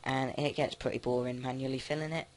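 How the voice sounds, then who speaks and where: Flat-voiced man narrating gameplay. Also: medium pitch, slight background noise. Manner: flat, halting, thinks aloud with many restarts. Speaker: let's play host. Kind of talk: casual gameplay commentary.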